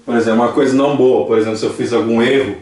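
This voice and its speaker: A man's voice: medium pitch, fairly even intonation, darkish tone. Brazilian man teaching in an echoey hall. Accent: Brazilian Portuguese. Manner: patient, repeats words slowly for students. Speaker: Dutch language teacher. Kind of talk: classroom language lesson. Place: church hall classroom. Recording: echoey church hall from far off, faint noise.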